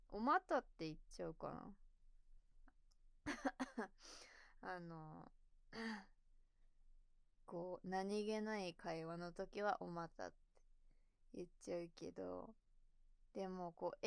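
Sitting on the floor at home, a slightly tipsy young woman chats casually, answering viewer questions, rambling, giggling and trailing off into mumbles. Her voice is creaky with no echo, and she describes her natural voice as low.

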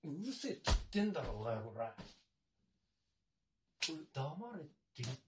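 A man's voice: medium pitch, sing-song, moderate pace, distant mic, very noisy, lightly acted. A man playing a sneering, coarse menacing captor. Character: menacing, cruel adult male captor. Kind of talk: adult audio drama acting.

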